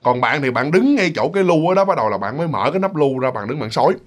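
A man's voice: on the high side, big pitch swings, quick pace. A man with a Mekong Delta accent telling a ghost story in a chatty, loose, repetitive way, speaking directly to his listeners. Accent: Southern Vietnamese, Mekong Delta. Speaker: storyteller, channel host. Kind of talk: casual ghost story narration.

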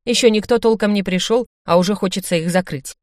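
A woman's voice: medium pitch, fast, darkish tone, dry recording, clean studio sound, lightly acted. Woman voicing a curt commanding mage. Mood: stern. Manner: curt, commanding, barking orders. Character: stern gruff male mage, curt and commanding.

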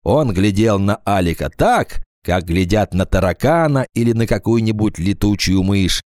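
A man narrating a children's story for an audiobook in a playful, expressive storytelling manner, recorded at home. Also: lowish voice, normal speed, dry recording, clean studio sound. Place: home studio.

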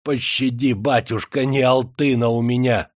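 A man's voice: medium pitch, steady tone, moderate pace, dry recording, close to an everyday voice. A fawning old clerk put on by a man wheedles and pleads in a raised, cringing voice. He is timid yet cunning. The sound is dry and close. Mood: pleading. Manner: wheedling, ingratiating.

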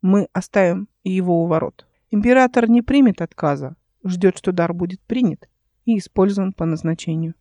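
An audiobook narrator voicing a proud, stately imperial messenger who speaks grandly. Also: male voice, high-pitched, moderate pace, dark tone, no echo. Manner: grand, pompous.

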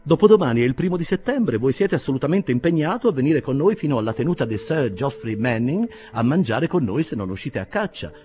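A man voicing a hearty, teasing older gentleman who speaks in a booming voice. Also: big pitch swings, brisk, hardly any pauses, close to an everyday voice. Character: jovial, hearty older male host.

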